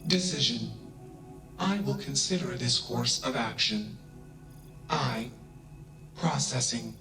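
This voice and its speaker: Game robot: slow, stilted and logical, yet swinging in pitch, music behind. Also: male voice, expressive, creaky. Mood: flat, curious. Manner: stilted, announces each statement type. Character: damaged logical robot learning human friendship. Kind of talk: video game character dialogue.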